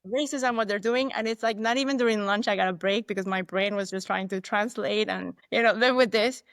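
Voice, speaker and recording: An interview guest whose first language isn't English tells her story candidly and thoughtfully, frequently restarting and quoting herself. Her voice is medium-pitched, brisk and a bit bright, recorded in clean studio sound without echo.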